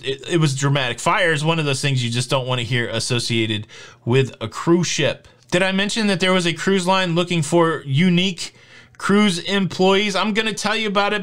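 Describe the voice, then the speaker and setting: The host is a man in his forties with a high-pitched, fairly bright voice, running a casual news vlog. He chats in an upbeat, jokey manner full of fillers, surrounded by shelves of collectibles in his home studio.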